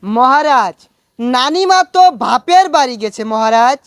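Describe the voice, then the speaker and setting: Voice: high voice, animated, a little slow, a bit bright, a little hiss or hum, heavily acted. An actor playing a fawning male minister in a comic skit, speaking. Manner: fawning, says 'Maharaj' again and again.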